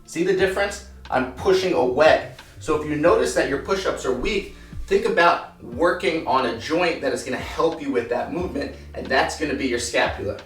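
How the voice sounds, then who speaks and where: A man's voice: fairly high pitch, lively intonation, normal speed, fairly bright tone, soft background music. A man teaching push-up form, demonstrating as he talks and getting short of breath at times. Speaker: fitness coach. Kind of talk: workout tutorial. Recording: roomy echo, mic at a distance.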